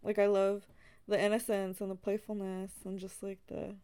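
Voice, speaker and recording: A woman's voice: medium pitch, flat delivery, normal speed, dark tone, smooth. A young woman co-hosting a podcast, reminiscing in an informal, giggly way with lots of "like". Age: young adult. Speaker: podcast co-host. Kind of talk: casual chat, reminiscing.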